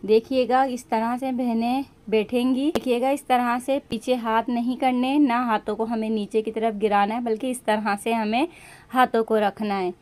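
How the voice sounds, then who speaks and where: A woman's voice: on the high side, fairly even intonation, a little mellow. A woman giving a step-by-step religious lesson, speaking patiently and stretching words out to show how they should be pronounced. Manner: slow and patient, drawing out words to demonstrate pronunciation. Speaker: religious teacher.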